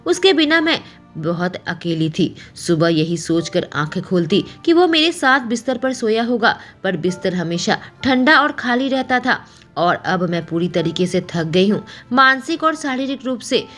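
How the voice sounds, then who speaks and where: Emotional woman storyteller, soft music. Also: medium pitch, unhurried. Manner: emotional, expressive narration. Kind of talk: first-person romance story narration.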